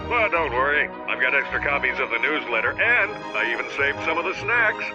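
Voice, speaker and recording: A man's voice: mid-range voice, expressive, brisk, close to an everyday voice. A man voicing a pompous, oblivious superhero captain in a video game, bombastic and breezy, heard through a dull comm link with music. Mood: breezy, boastful. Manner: bombastic, self-important, breezy. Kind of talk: cartoonish video game acting. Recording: dull radio-like sound, music behind.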